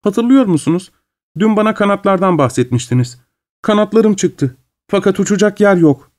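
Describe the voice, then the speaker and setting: A man reading an audiobook, voicing a brooding, earnest young woman who speaks softly and hesitantly. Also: medium pitch, animated, normal speed, voice pushed up, lightly acted. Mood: wistful.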